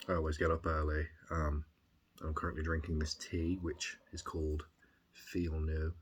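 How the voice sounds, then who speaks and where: A man with a Birmingham accent talking casually and reflectively in a video diary, husky, rambling and hesitant as he thinks things through. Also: a bass voice, completely flat delivery, normal speed, a little hiss or hum. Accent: Birmingham English. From Birmingham, England. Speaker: video diarist. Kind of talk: casual reflective chat, recounting.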